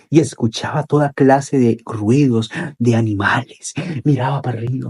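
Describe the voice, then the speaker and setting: A man telling a children's story in an expressive, repetitive way with dramatic pauses. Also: lowish voice, husky.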